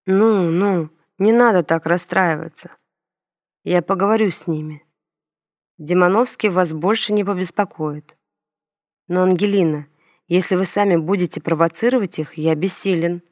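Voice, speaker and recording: A woman's voice: on the low side, normal speed, darkish tone, no room sound, clean studio sound, close to an everyday voice. A woman reading the lines of a stern gray-haired male university dean in an audiobook. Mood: soothing. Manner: stern, lecturing.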